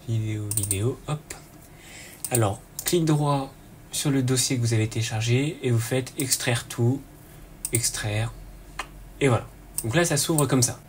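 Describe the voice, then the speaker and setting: A man hosting a casual screen-recorded tech tutorial, relaxed and chatty, often pausing with fillers and a quick "hop" as he clicks. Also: medium pitch, slight background noise.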